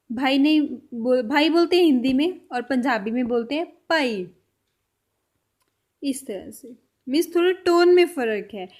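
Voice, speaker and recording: A woman teaching a vocabulary lesson, slowly repeating each word with care. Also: high voice, darkish tone. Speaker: language teacher.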